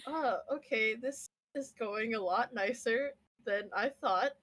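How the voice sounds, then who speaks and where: A woman's voice: on the high side, unhurried, fairly bright tone, poor audio. A woman playing an awkward, friendly young adventurer in a tabletop game, hesitant and apologetic.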